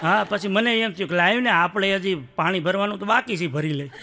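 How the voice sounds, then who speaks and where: A man's voice: sits high, a little fast, a crowd in the background, noisy background. A man telling comic stories on stage, chatting with the audience and acting out what his wife and others said. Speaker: stand-up comedian. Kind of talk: stand-up comedy storytelling.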